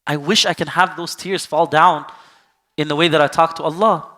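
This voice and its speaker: A man giving a casual, sermon-style Quran lesson, animated and full of rhetorical questions, sometimes acting out the people he quotes. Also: on the high side, moderate pace. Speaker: Islamic teacher.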